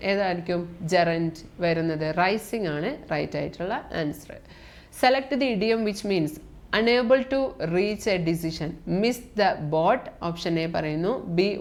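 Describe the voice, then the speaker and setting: A woman tutor with a Malayali accent talks through a mock exam at an unhurried, deliberate pace. Her voice sits slightly low for a woman. She reads each option aloud, then asks which one is right and confirms it. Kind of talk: reading out mock test questions and answers.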